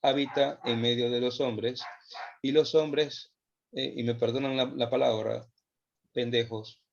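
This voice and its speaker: A man teaching a theology class, speaking slowly and with emphasis, repeating phrases as he thinks them through. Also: mid-range voice, fairly even intonation, vocal fry, highs cut off. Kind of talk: lecture. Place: online class session.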